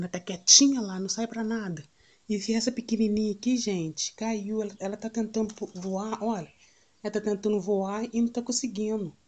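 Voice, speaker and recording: A woman with a Brazilian Portuguese accent, vlogging casually outdoors at home on a handheld phone, tender and cooing, often dropping to a soft near-whisper. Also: mid-range voice. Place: outdoors at home in strong sun. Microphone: phone camera held while filming.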